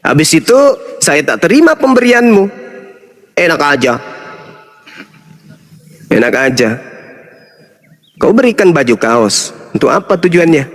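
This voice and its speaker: A man's voice: on the high side, big pitch swings, unhurried, long pauses. A middle-aged man, delivering a heated, mocking rebuttal and scolding the people he addresses. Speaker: Islamic apologist speaker. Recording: long reverb hall.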